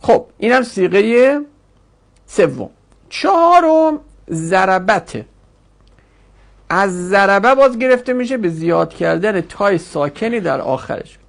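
A man teaching Arabic grammar in a classroom lecture, explaining forms step by step and repeating them slowly for students. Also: sits high, lively intonation, creaky.

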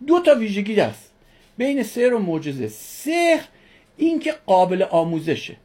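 A woman with a husky, breathy voice gives a classroom religion lecture to her students. She keeps firing questions at the class and answering them, leaning hard on repeated words. Her pitch sits in an ordinary middle range. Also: very animated, mellow. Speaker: religion teacher.

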